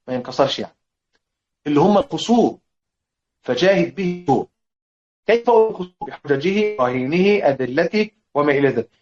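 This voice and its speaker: In a dull, lo-fi lecture recording, a man who teaches Quran recitation walks students through a classical poem. His Egyptian Arabic-accented voice sits on the high side. He checks their understanding with repeated questions, intones the verses slowly, and sets out points one by one.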